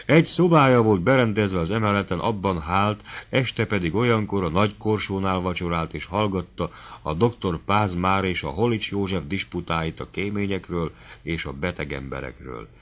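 A man narrating a classic novel as an audiobook in a measured, steady storytelling manner. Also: sits low.

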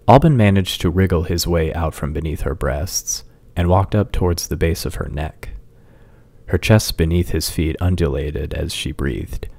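A man reading a fantasy story aloud in scripted narration, slow and measured. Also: low voice, vocal fry, a little mellow, no room sound.

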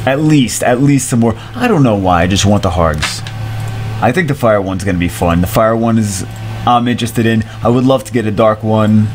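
A gaming streamer in his thirties, voice on the low side and stuffy, chats at normal speed in a casual, excitable way, rambling and repeating himself. The headset recording from his small home room has a little hiss or hum.

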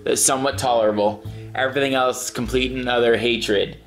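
A man's voice: medium pitch, steady tone, fairly quick. A man hosting a casual chat, explaining things in a talkative way and laughing often. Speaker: host. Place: indoors in New York. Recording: echoey room with faint music.

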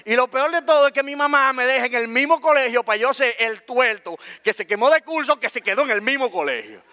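A man with a Dominican accent telling a personal story on stage, colloquial and animated, acting out scenes. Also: very high-pitched, fairly quick. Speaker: speaker. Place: stage in a talk venue.

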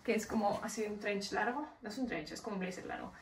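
A woman with a Spain Spanish accent chatting excitedly to camera in a casual vlog, laughing often. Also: medium pitch, fast, a little hiss or hum. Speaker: lifestyle vlogger.

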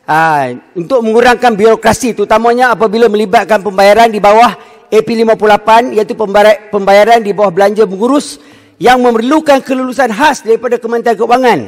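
A high-pitched man with a Malaysian accent, speaking in a parliamentary debate in an insistent tone and slipping into English now and then. The sound carries the long reverb of a large chamber. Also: fast talker. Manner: insistent, mixes in English phrases. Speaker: deputy minister answering in parliament.

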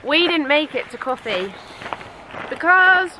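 A woman's voice: high voice, big pitch swings, takes it slowly, noisy background. A young woman and mother chatting casually and playfully outdoors for a family vlog, teasing herself as she goes. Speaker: vlogger, mother. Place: outdoors on a walk.

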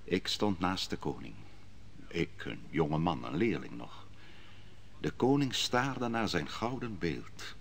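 The solemn young prophet Daniel. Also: male voice, low voice, sing-song, slow pace, vocal fry, fairly bright tone, slight background noise, heavily acted. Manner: solemn, dramatic, prophetic declaiming. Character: young prophet recounting a king's dream, solemn. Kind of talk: 1950s radio drama acting.

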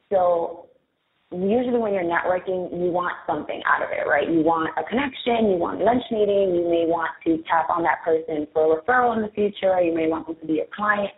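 As a guest in an interview, a young adult woman with a Spanish and New York Bronx accent gives straightforward, step-by-step pointers on branding. Her fairly low-pitched voice comes through an echoey room with tinny, phone-like audio.

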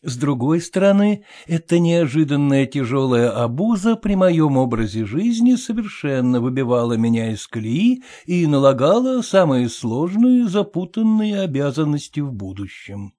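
Expressive man reading an audiobook. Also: a little high, moderate pace, hardly any pauses. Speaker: audiobook reader. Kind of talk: audiobook narration.

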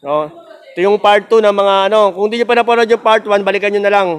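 High-voiced joking Filipino man. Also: steady tone, quick pace, clean tone. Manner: joking, chatty, laughs often. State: sore throat. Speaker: vlogger showing cars on a used car lot. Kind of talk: casual walk-through vlog.

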